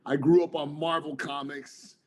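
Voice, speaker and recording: This podcast guest is a former cop turned author from New Jersey, United States, who talks earnestly in a casual interview chat, rambling a bit with plenty of fillers. His fairly high voice is unhurried, flat in delivery and a little mellow.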